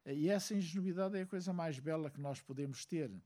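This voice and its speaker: A man from Angola giving a reflective speech to a seated audience, measured and full of hesitant pauses. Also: fairly high pitch, mellow. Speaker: speaker at a book launch.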